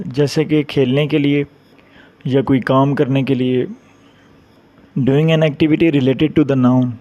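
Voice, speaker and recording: A man with a Pakistani Urdu accent, teaching a beginner grammar lesson and repeating each example phrase slowly. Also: mid-range voice, a little mellow. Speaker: Japanese teacher. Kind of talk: slow, deliberate grammar lesson.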